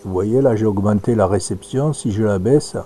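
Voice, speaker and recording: In this informal live demo, a male presenter shows off amateur radio software, thinking aloud in a halting way. His voice is low and dark, with a faint hum behind it.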